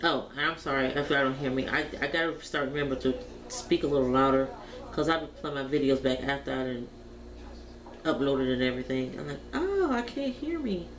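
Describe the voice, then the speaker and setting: This host of a colouring tutorial vlog has an extremely low-pitched voice, animated and fairly quick, as she chats casually and thinks aloud in an informal, folksy way while colouring. Sound is roomy and noisy from a distant home camera mic.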